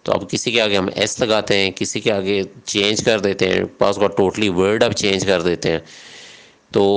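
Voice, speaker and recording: A man's voice: fairly low pitch, clean tone. A man teaching English grammar in a patient, step-by-step classroom lecture, mixing English terms into Urdu. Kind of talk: classroom lecture explaining rules.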